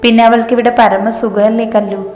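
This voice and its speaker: A steady, protective young husband who teases gently, as a woman storyteller reads him. His lines stay even and level in pitch. Long reverb and faint music sit behind the voice. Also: normal speed, close to an everyday voice. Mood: calm firm. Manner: steady, teasing.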